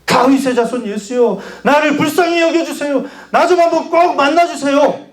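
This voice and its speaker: Brief: man doing a blind beggar man, pleading cries, high, in an echoey hall. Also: animated, moderate pace, darkish tone. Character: desperate blind male beggar pleading loudly.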